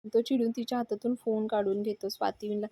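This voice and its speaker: A woman serial reviewer narrating an episode recap in a steady storytelling manner. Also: mid-range voice, fairly quick, no echo. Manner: storytelling, steady retelling of scenes.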